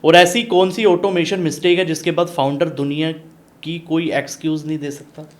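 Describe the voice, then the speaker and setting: A man hosting a business podcast, asking quick-fire questions and answering with short affirmations. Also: fairly high pitch, fairly even intonation. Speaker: podcast host, business coach.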